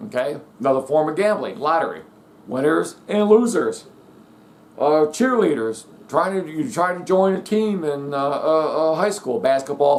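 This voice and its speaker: Blunt middle-aged man ranting. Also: a little high. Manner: blunt, emphatic, repeats "okay?" and "guess what?". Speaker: vlogger. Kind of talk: ranting monologue.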